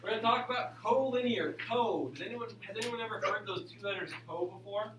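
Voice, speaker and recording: A male school teacher with a fairly high voice, speaking to a class in a roomy, echoing space. He repeats short instructions and checks in often, prodding students along in the manner of an aerobics instructor. The mic sits at a distance. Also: brisk, a bit bright. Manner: repetitive step-by-step explaining, frequent okay check-ins. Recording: echoey classroom, distant mic, faint hum.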